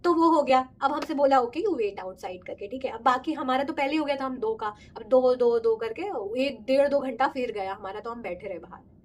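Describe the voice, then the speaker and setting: A woman's voice: high voice, a little fast. Chatty young woman with a sore throat. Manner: chatty, expressive, mixes in English phrases. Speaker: vlogger. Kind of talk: casual storytelling vlog.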